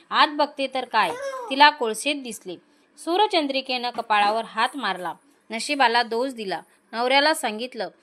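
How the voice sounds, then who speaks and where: A woman narrating a devotional folk story in a steady, measured way. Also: fairly high pitch.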